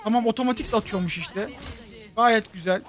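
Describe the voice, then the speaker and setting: A man with a Turkish accent talks over his mobile game, high-voiced and excitable, breaking into loud shouts at the big moments. Faint music runs behind his voice. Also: fairly quick. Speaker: gaming channel host.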